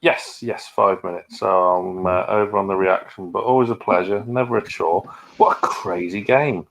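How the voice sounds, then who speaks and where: An excitable man hosting a casual football watch-along, repeating his exclamations. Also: low-pitched, normal speed, gravelly, poor audio.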